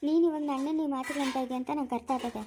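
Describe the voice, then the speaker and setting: High quick woman playing a pleading mother-in-law, family drama, faint background noise. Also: fairly even intonation, warm tone, close to an everyday voice. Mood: puzzled. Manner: pleading, apologetic.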